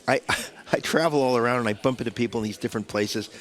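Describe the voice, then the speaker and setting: A stuffed-up man, clearly suffering from a cold, hosts a radio talk show from the studio, talking fast in a mid-range voice. He rambles and chats casually through the interview, restarting often.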